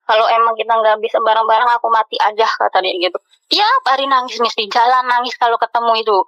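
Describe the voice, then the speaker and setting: A woman's voice: fairly high pitch, fast talker, a bit bright, no echo. A woman calling in for advice, retelling her story in an emotional, rambling way with many fillers, close to tears. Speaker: caller. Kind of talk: phone-in advice chat. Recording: dull lo-fi phone audio.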